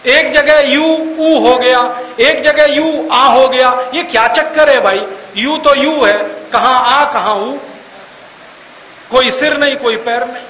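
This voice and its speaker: A man with a very high, sharp and forceful voice lectures an audience in a mocking, argumentative tone. He fires rhetorical questions and spells words out letter by letter to make his point. The sound rings with the long echo of a large hall, over a faint hiss. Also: slow pace, muffled recording. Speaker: public speaker.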